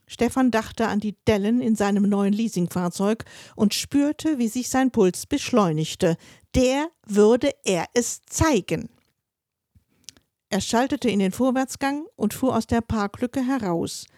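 A woman reading a dark short story aloud as its narrator, with expressive delivery that shifts pace with the tension. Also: a little high, unhurried, few pauses, no echo, studio quality.

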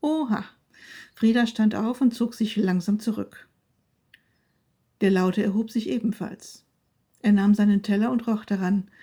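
A woman reading a story aloud in a calm, even narrating voice. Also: medium pitch, normal speed, pauses often.

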